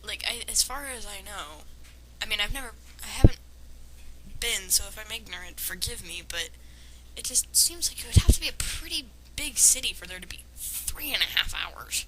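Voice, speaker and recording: A crowd can be heard behind a woman with an animated, mid-range voice reading fan fiction at a moderate pace. She dramatizes the story and breaks in with sarcastic, nitpicking, hesitant asides, on a clearly noisy amateur home recording.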